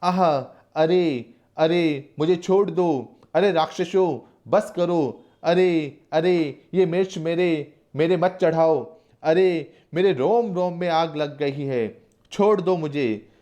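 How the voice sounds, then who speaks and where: A man voicing a defiant young prisoner who is tortured and cries out in high, strained pain. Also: moderate pace, darkish tone, close to an everyday voice. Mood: agonized. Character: prisoned young male freedom fighter, defiant then tortured.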